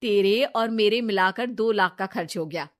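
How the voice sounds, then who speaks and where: A sly young woman friend who sweet-talks and schemes, as a woman voices her for an animated storybook. She chatters persuasively and pushes her plans. Her voice sits mid-pitched. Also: moderate pace, natural voice. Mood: coaxing.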